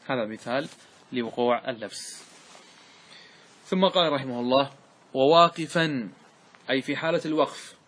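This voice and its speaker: A man teaching Arabic grammar in a classroom lecture. He keeps asking his students questions, repeats key words and draws out example words slowly. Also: medium pitch, a bit bright, slightly rough.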